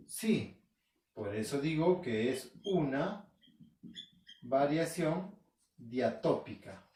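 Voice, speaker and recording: A man's voice: medium pitch, animated, extremely slow, warm tone. A male teacher from Peru with an Arequipa accent gives a recorded class. He asks himself questions, answers them, repeats key terms and checks in with his listeners. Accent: Peruvian Spanish, Arequipa. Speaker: school language teacher. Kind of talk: recorded home-learning class. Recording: roomy echo, voice from far off the mic.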